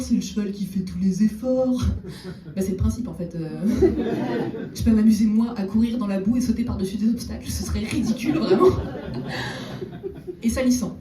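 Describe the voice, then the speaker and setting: A woman doing a stand-up comedy set on stage, chatting with the audience and slipping in deadpan ironic asides. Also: mid-range voice. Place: theater stage before a live audience. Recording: roomy echo, distant mic, audible room noise.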